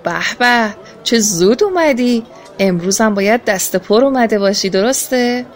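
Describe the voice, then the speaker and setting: A woman's voice: fairly high pitch, expressive, close to an everyday voice. A woman voicing a greedy, scheming middle-aged goldsmith in a children's storybook, with a sly, wheedling way of talking. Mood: cheerful greeting.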